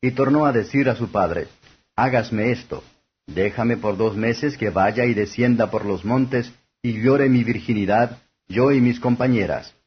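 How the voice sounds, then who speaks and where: A man reading scripture aloud as formal, scripted audiobook narration, with a husky voice. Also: medium pitch, unhurried. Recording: dull lo-fi audio.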